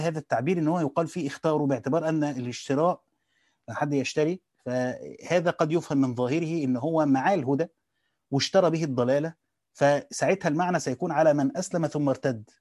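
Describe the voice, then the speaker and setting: Fast-talking Egyptian man teaching. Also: on the high side, a little mellow, no room sound, clean studio sound. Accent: Egyptian Arabic. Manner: asks rhetorical questions and answers them himself; mixes dialect with classical Arabic, rephrasing as he goes. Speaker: teacher reading and explaining a classical Quran commentary. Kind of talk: casual study lesson.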